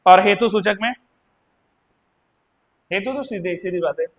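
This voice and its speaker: A man's voice: high voice, a little slow. A man with an Uttarakhand Hindi accent teaching a live exam-prep class, explaining by repeating words and asking his students questions.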